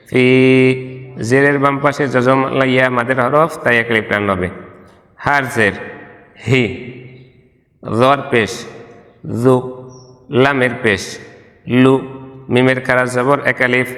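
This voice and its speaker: A man in a long, ringing hall reverb gives a patient recitation lesson at a mid pitch. He breaks each word into single syllables and names the vowel marks one by one. Now and then he chants a verse in a slow, melodic recitation. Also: sharp tone. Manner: slow, syllable-by-syllable spelling of sounds. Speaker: Quran reading teacher.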